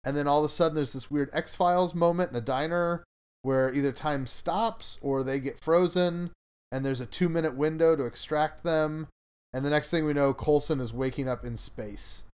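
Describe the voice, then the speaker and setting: Male podcast host, smooth tone, higher pitch, relaxed rambling chat. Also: moderate pace.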